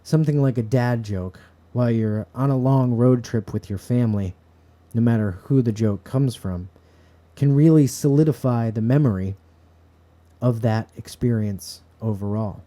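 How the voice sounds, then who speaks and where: A man's voice: mid-range voice, moderate pace, warm tone. A man speaking to camera in a bedroom, giving an earnest, reflective, philosophical monologue. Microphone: camera set up in front of him.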